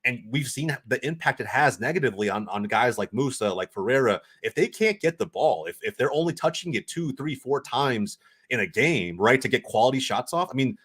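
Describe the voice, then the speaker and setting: A man talking as a guest pundit on a casual football podcast, analysing quickly with many restarts and "right?" asides. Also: mid-range voice, breathy edge. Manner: fast, animated analysis with restarts and "right?" tags.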